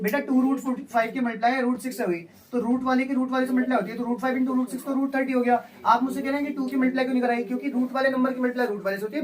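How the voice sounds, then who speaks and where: A male maths teacher giving a live lesson in a classroom, walking through each step aloud and repeatedly quizzing his students. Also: very high-pitched. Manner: repeats steps, asks class questions. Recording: distant from mic.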